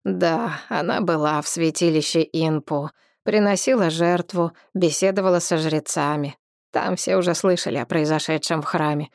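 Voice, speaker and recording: Woman reading a sombre red-haired companion, low and heavy, storybook. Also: moderate pace, dry recording, studio quality. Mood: grave. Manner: sighing, grave. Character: red-haired man, friendly comrade, bearer of bad news.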